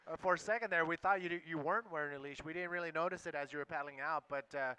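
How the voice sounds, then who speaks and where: A man's voice: on the high side, quick pace, sharp tone, poor audio. A man commentating live on a surf contest as its announcer, in a laid-back surfer style. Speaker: sports event announcer and commentator.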